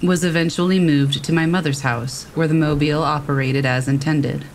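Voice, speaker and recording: A narrator reading first-person horror stories aloud in a steady storytelling manner. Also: mid-range voice, normal speed, a little hiss or hum, poor audio.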